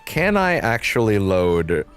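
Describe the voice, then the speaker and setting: A man's voice: lowish voice, very animated, takes it slowly. A man giving casual, sweary live gameplay commentary, thinking aloud as he plays. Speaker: game streamer. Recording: game music behind voice. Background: game music.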